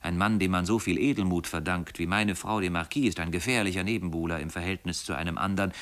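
A man narrating classic literature as an audiobook, in a steady, expressive storytelling manner. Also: low voice.

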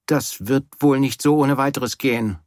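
A man reading an audiobook voices a young woman who has just been woken from deep sleep, plaintive and drowsy. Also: animated, normal speed, no echo, studio quality. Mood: softening. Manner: plaintive, drowsy, then softening. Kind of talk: audiobook character voice.

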